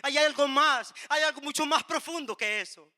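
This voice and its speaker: High, bright-voiced man preaching fervently. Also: moderate pace. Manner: impassioned, repetitive preaching with rising cries. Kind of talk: sermon.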